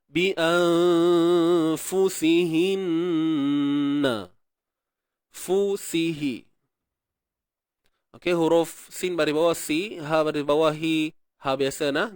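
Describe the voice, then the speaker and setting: A man with a Malaysian Malay accent teaching Quran recitation rules, explaining patiently, repeating words slowly and chanting verses. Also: fairly high pitch, smooth, no room sound, clean studio sound. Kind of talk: tajwid lesson, explaining and reciting.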